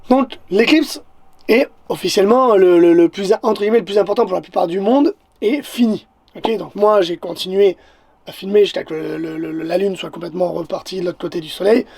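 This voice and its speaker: A man with a Québécois accent, a photographer talking casually to the viewer in an excitable vlog, often stammering and repeating words. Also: high voice, fairly quick, gravelly, husky, no echo. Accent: Québécois French. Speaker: photographer and vlogger.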